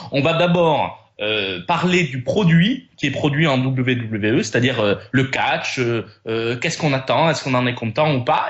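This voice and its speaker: A man from France hosting a casual podcast discussion, lively and leading the questions. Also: on the high side. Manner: animated, leading questions, frequent "concrètement". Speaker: podcast host. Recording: dull lo-fi sound in a roomy space.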